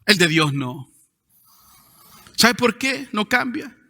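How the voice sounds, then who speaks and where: Pastor, male, fiery sermon delivery, pitched high, in a reverberant church hall. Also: big pitch swings, slow. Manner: emphatic preaching with sharp rises in pitch and volume.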